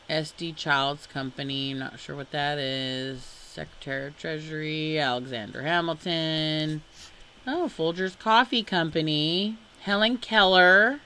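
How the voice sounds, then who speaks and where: Slow, bright-voiced woman reading names aloud. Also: low voice, clear, resonant tone. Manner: reads names slowly, with exasperated asides and sighs. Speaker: vlogger reading a family-tree list. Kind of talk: casual commentary while reading aloud.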